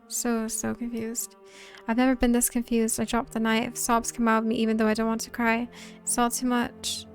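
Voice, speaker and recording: A woman streamer reads a grim story game aloud in a quiet, tense first-person voice that slips into whispers. Her pitch sits above average yet stays flat and narrow. Low music runs underneath. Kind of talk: dramatic reading of a story game.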